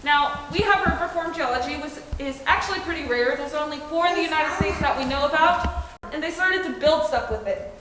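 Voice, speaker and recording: A high female voice gives an explanatory guided tour. It carries from far off through a cave, with heavy echo and clear background noise. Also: brisk. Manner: explanatory, instructing. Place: inside a cave, heard from a distance. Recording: echoing cave, distant, noisy, long reverb.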